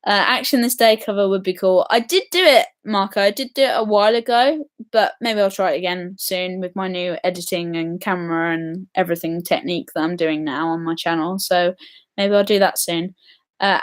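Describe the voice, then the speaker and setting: A woman hosting a casual live stream, chatty and excitable, answering viewer comments with lots of ums. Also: medium pitch. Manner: chatty and excitable, many ums, reacts to comments as they come.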